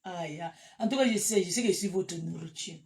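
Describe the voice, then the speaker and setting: Gravelly Cameroonian French woman chatting. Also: fairly low pitch, quick pace, noisy background. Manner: animated, laughs loudly, shifts to loud bursts. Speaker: social media live host. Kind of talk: casual live chat to followers.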